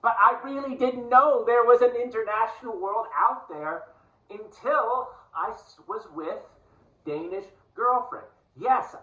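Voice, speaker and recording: Bright-voiced New man musing on camera. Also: high-pitched, reverberant, far from the mic, highs cut off. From United States. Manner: musing, digressive, earnest. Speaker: vlogger. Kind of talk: casual monologue to camera.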